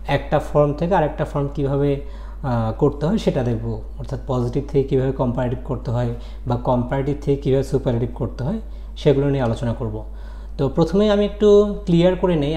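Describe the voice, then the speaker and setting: A man with a slightly high voice teaches grammar to students. He walks through each rule patiently, repeats the main points and keeps asking whether they have understood. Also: dark tone. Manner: explains step by step, repeats points and asks students to check they follow; mixes English grammar terms into his talk. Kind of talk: classroom lesson.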